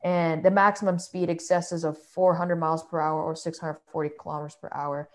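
A woman's voice: low voice, little pitch movement, brisk. A woman in a casual group discussion, often stumbling and repeating words as she starts. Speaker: discussion participant.

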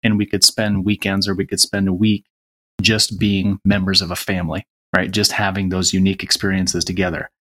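A man's voice: deep voice, level tone, brisk, pushed and bright. A man chatting earnestly as a guest on a podcast, reflecting on his life choices. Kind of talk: casual conversation.

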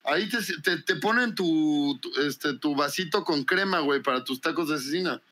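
A man with a Mexican Spanish accent trades podcast banter, pausing often as he searches for words. His voice sits a little high and has a bright, sharp edge. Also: slight background noise. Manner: hesitant, trails off searching for words. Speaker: podcast co-host. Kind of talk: casual chat.

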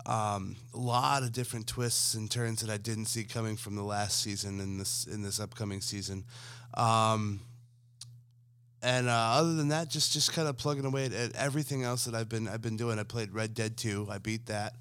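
A man's voice: fairly low pitch, little pitch movement, normal speed, a bit bright, smooth. Young man, podcast co-host, casual chat, rambling, lots of fillers, hiccups. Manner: laid-back, rambling with many fillers. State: has the hiccups.

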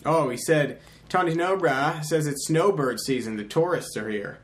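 A man's voice: fairly high pitch, moderate pace. A man co-hosting a livestream podcast, reading listener messages in a laid-back, profane way. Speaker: podcast co-host. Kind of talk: casual profane livestream chat.

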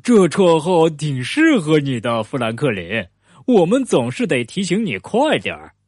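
Brief: dad as a young bear cub for a storybook, hearty raised voice, slightly off-mic. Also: male voice, on the high side, huge pitch swings, a little slow, darkish tone, dry recording, clean studio sound, full character voice. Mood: friendly.

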